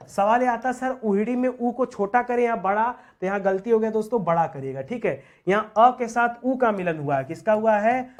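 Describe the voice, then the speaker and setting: A male teacher giving an online grammar lesson, asking his students questions and drilling each point with repeated checks. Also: sits high. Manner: repeats questions to students, calls them friends; drills points, frequent "theek hai".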